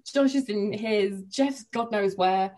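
An English woman, a sports presenter, chatting casually on a podcast from home with quick laughs. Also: mid-range voice, dark tone. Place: living room at home.

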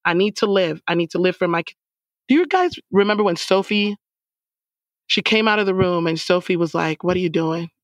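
Animated woman discussing a novel. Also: mid-range voice, a little fast, no echo. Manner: animated, acts out characters' lines while retelling. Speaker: book club member. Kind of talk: casual book discussion.

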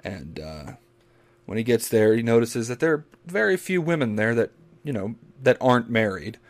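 A man chatting casually on a podcast. His talk is crude and profane, full of dirty jokes, in an average-pitched voice. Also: sing-song, normal speed. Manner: crude, profane joke-telling. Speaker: podcast co-host.

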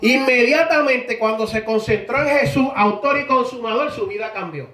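Animated man preaching in an echoey hall. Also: very high-pitched, normal speed, crowd noise. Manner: animated preaching, acts out voices from scripture stories. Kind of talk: sermon. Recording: echoey room from a distance.

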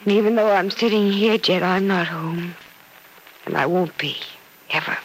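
An actress playing a grieving young woman who speaks in a sorrowful, earnest, measured way, in 1940s radio acting style. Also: lowish voice, a little hiss or hum, natural voice, low-quality recording.

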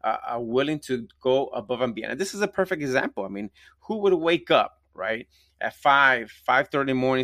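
Clean studio sound and a dry recording capture a podcast host with a medium-pitched, slightly bright voice. During his live interview he's enthusiastic and emphatic, repetitive, and prone to tag questions, often adding "right?"

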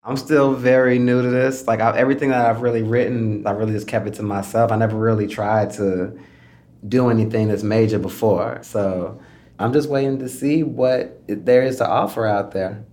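A man's voice: fairly low pitch, steady tone, a little mellow. A man speaking earnestly and reflectively, a first-time children's book author in an interview clip. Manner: earnest and reflective, halting at times.

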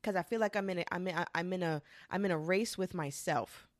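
A woman in her twenties talking casually and candidly to the camera, swearing freely and rushing through quick bursts. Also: on the low side, dry recording, studio quality. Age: 20s. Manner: candid and profane, with frequent restarts and quick bursts. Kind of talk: casual confessional monologue.

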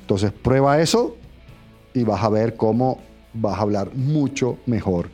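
A man giving a public speaking lesson, talking straight to the listener in numbered steps and checking in with a quick "ok?". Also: medium pitch, lively intonation, darkish tone, soft background music. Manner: direct, addresses listener as tú, numbered steps, frequent "¿ok?". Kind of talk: instructional talk.

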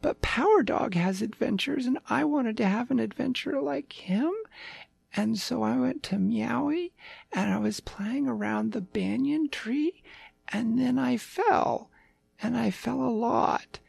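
Storyteller doing a tiny lost pup, squeaky high voice, rambly and eager, kinda husky. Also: a little slow, a little mellow, dry recording, exaggerated voice. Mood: rambling. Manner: rambling, run-on sentences. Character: small lost male puppy, eager and chatty.

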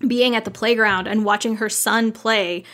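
A young woman co-hosting a casual podcast, talking through a book she loved in an animated way, full of "like" and acted-out quotes. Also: normal speed. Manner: animated, lots of "like", acts out quotes with high lively pitch. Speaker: podcast co-host. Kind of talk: casual book-recommendation chat.

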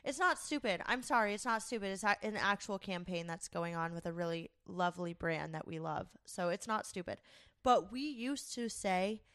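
A woman's voice: medium pitch, lively intonation, normal speed, fairly bright tone, clean tone, dry recording. Young woman, podcast co-host, casual swearing chat, dry close sound. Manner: chatty, swearing, laughing often.

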